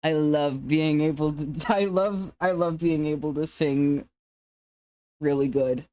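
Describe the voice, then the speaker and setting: A streamer with an androgynous to femme-sounding voice, chatting casually with viewers in a rambling, relaxed way. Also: medium pitch, slow pace, no echo, clean studio sound. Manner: relaxed, rambling, laughs often, restarts sentences.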